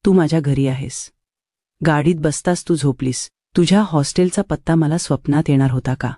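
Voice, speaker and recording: A woman's voice: sits low, normal speed, dark tone, no room sound, clean studio sound. A woman doing a bossy, rude rich young man. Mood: concerned. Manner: stern, ordering tone.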